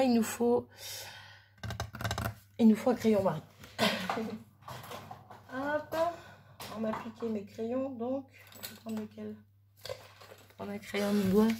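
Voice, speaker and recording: A woman whose voice is a little high yet dark in tone narrates a casual mixed-media craft tutorial at home. Chatty and self-deprecating, she thinks aloud while she works in her craft room, with an oven running in the background and a little hiss or hum on the audio.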